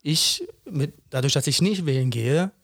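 Here a podcast co-host in his thirties chats casually but bluntly, stressing his points, throwing out rhetorical questions and finishing remarks with "ne?". His voice runs on the high side, expressive, at a moderate pace, in clean studio sound without room tone.

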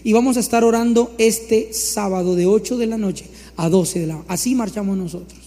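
A man's voice: high voice, normal speed, dark tone. A man preaching a sermon as a pastor, emphatic and repetitive, sometimes mimicking other people. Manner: acts out voices of others in mocking tones. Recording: long hall reverb.

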